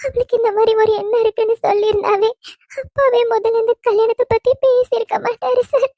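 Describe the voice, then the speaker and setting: A woman's voice: extremely high pitch, flat delivery, a little fast, dark tone, no room sound, clean studio sound. A woman voicing a timid young bride in a cartoon story, stammering and pleading as she apologizes. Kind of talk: cartoon voice acting.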